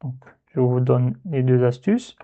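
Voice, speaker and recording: In a step-by-step lesson on reading Arabic letters, a man with a mid-range voice patiently repeats syllables to demonstrate, speaking at a measured pace. The audio sounds tinny, like a phone.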